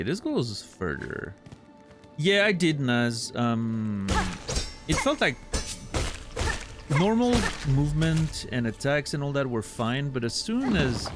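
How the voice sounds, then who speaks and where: Guy streaming a game, casual commentary, talks to himself, lively pitch, faint music in the back. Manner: thinks aloud, self-talk.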